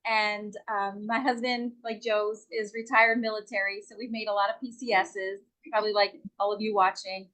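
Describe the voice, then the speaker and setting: A woman's voice: medium pitch, little pitch movement, normal speed, hardly any pauses, fairly bright tone, poor audio. A middle-aged woman chatting as a guest, rambling a little and correcting herself as she goes. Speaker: guest, real estate agent. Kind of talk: casual chat.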